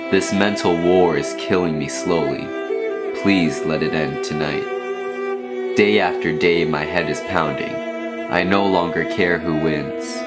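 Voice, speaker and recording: A man's voice: low voice, fairly even intonation, slow, over loud music. A man reciting a poem as a solemn voice-over.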